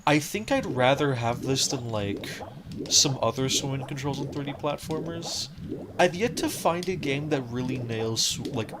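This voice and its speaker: Speaking at medium pitch and a moderate pace, a streamer narrates his gameplay in a loose, rambling way. He restarts sentences frequently and says "like" a lot, while game music and other background noise play behind him.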